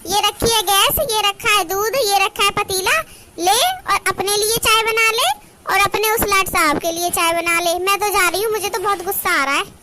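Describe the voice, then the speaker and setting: A voice actor playing a nagging middle-aged mother-in-law in an animated cartoon, scolding and complaining with a sharp tongue. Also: very high-pitched, normal speed, background noise. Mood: mocking. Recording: music playing under the voice. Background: background music.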